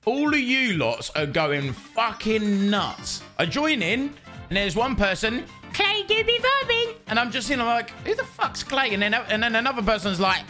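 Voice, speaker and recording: An excitable young male streamer, as a woman imitates him, rattles through a bewildered rant, swearing all the way. The voice swoops widely and sounds bright and bouncy. Faint music runs underneath. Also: on the high side. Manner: rapid, swearing, bewildered storytelling.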